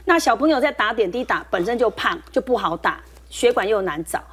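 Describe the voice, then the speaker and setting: A woman with a Taiwanese Mandarin accent, a nurse guest on a talk show, explaining briskly with a laugh now and then. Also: on the high side, animated, fairly bright tone, husky.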